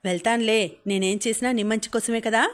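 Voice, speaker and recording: A woman's voice: on the high side, fairly even intonation, fairly quick, natural voice. A woman voicing a worried, doting middle-aged mother who pleads and fusses over her daughter, in an audiobook. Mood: coaxing.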